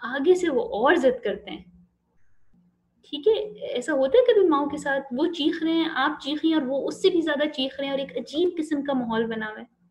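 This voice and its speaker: A woman with a Pakistani accent gives a gentle Islamic talk, often turning to her listeners with questions. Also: high-pitched. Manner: gentle, engaging, asks the audience questions. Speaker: Islamic lecturer.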